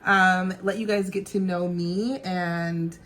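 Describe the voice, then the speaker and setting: Chatty woman in her thirties, lowish voice. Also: steady tone, takes it slowly, a bit bright, a little hiss or hum. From New Jersey. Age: 30s. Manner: bubbly, chatty, laughs often. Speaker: makeup artist and vlogger. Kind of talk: casual get-ready-with-me chat. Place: home.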